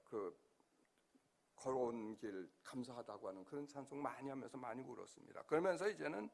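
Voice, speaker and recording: A man's voice: medium pitch, lively intonation, brisk, gravelly. An older man, a pastor, preaching an emotional sermon in church, acting out his prayers and his dialogue with God. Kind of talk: sermon testimony. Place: church sanctuary.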